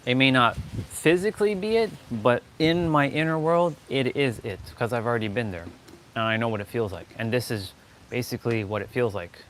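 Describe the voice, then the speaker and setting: On a livestream with obvious outdoor noise, a man from Toronto riffs insistently and off the cuff to motivate his audience. His accent is Canadian, his pitch medium, his pace moderate, and his tone a little bright; he repeats phrases to drive points home.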